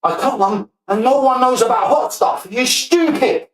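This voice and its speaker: High-voiced ranting man, echoey room. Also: fairly bright tone, a little hiss or hum. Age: 40s. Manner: profane, ranting, quick to laugh. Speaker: streamer. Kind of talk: livestream rant.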